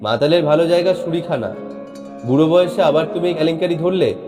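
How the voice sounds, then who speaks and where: A man voicing a suspicious, sharp-tongued older housewife who scolds her husband. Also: fairly high pitch, fast talker, natural voice. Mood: indignant. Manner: scolding, indignant. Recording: long reverb, faint background music.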